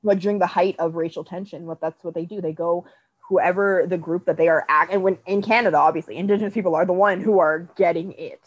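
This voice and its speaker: A young woman co-hosts a podcast, talking fast in a fairly low, steady voice. She chats casually in rambling bursts and agrees readily, and the audio sounds slightly dull and lo-fi.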